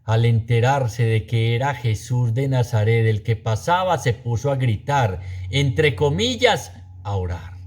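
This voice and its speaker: A man's voice: medium pitch, animated, unhurried, a little mellow. A man preaching a sermon, repeating phrases for emphasis and asking the audience rhetorical questions.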